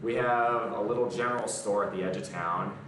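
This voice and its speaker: This fitness streamer, a young man from the American South, talks fairly quickly in a voice on the low side while live streaming from his home gym and replying to comments between sets. A camera mic at a distance captures roomy garage echo along with background noise.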